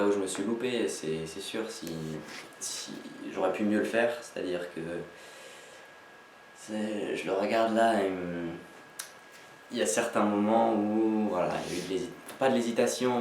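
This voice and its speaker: A man with a fairly low voice chats casually to his viewers, rambling and halting as he modestly reviews himself. He sounds a bit far from the mic in an echoey room with faint noise. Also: a little mellow. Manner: rambling, self-deprecating, halting. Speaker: amateur sketch writer introducing own video. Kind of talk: casual vlog chat to viewers. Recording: echoey, slightly noisy, distant microphone.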